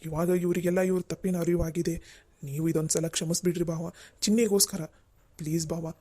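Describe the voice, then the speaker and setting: An earnest young brother-in-law in a cartoon, trying to patch up the family, as a voice actor puts him on. He pleads and coaxes in a dark voice. His delivery stays level and flat. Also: mid-range voice, moderate pace, lightly acted. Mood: pleading. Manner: pleading, coaxing.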